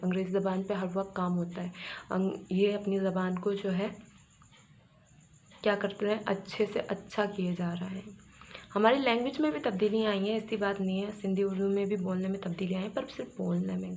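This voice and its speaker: A Pakistani woman teaches an English grammar lesson, repeating words and posing questions she then answers herself. Her voice is medium-pitched with a darkish tone. The recording is dull and slightly noisy.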